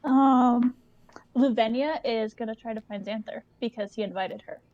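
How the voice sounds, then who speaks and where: A woman's voice: a little high, normal speed, a little mellow, dry recording, dull audio. A woman playing a tabletop game, hesitant and starting with ums. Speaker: player. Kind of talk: casual tabletop play.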